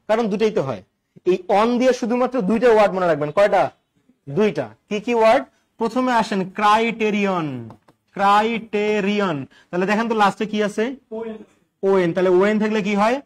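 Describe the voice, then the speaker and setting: High-voiced man teaching grammar. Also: fast. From Bangladesh. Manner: quizzes listeners with repeated questions and jokes. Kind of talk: online exam-prep English grammar lesson.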